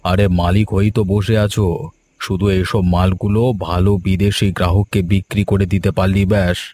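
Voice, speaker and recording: Guy playing a smug crooked village boss, cartoon, lowish voice. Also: level tone, fairly quick, darkish tone, slight background noise, natural voice. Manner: smug, knowing explanations. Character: scheming middle-aged village headman, smuggler, smug. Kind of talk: animated cartoon voice acting. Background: faint music.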